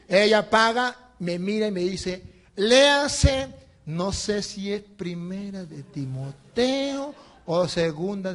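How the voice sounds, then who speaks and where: A male priest preaching a sermon, telling a humorous story with laughter and imitating the people in it. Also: sits high. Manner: animated, laughing, mimics others in anecdotes.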